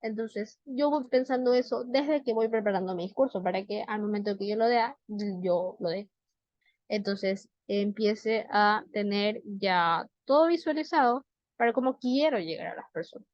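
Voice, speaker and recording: A woman's voice: mid-range voice, moderate pace, no echo. A young woman coaching debaters, explaining in a conversational way with frequent fillers and rhetorical questions. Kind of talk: explanatory talk. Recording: dull, slightly muffled sound.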